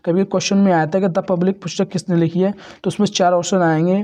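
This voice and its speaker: A man's voice: high voice, flat delivery, fast talker, darkish tone. A man giving an exam-prep lesson as a tutor, repeating each answer and often calling the listeners friends.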